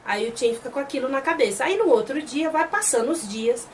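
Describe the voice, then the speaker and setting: A woman's voice: high voice, expressive, a little fast. A woman hosts a series review, chatting as she retells an episode and voices the characters' lines. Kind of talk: casual episode recap. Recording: slightly distant mic with faint background noise.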